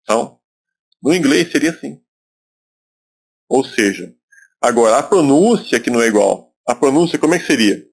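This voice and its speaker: A man's voice: medium pitch, animated, normal speed, creaky, long pauses, breathy edge. A man from Brazil teaching English in a recorded video lesson, explaining step by step and repeating words for emphasis.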